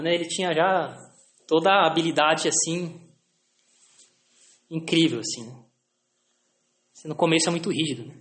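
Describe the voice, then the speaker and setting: High-voiced Brazilian man telling stories. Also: a bit bright, roomy sound. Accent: Brazilian Portuguese. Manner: anecdotal, frequent tag questions, self-deprecating. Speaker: lecturer.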